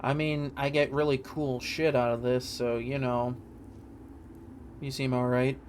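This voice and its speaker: A man's voice: medium pitch, little pitch movement, unhurried, noisy background. Wry man doing casual game commentary. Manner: wry, joking, slangy. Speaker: gaming video host. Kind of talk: casual let's-play commentary.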